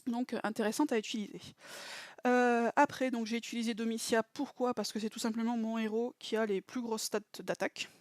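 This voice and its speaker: Woman with a dry, higher voice explaining game strategy. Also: steady tone, dry recording. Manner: stresses warnings with repeated emphatic cautions; hesitant, pauses to recall details.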